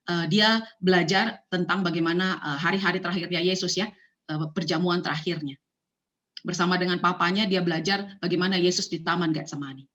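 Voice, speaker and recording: A woman's voice: lowish voice, a bit bright, highs cut off. A woman in her thirties giving a conversational sermon on parenting, asking many rhetorical questions and slipping in English phrases. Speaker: church speaker.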